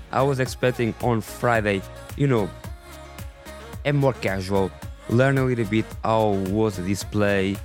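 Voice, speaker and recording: A man with a raspy voice and non-native English, hosting a podcast in a scripted narration style. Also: fairly low pitch. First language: not English. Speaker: podcast host.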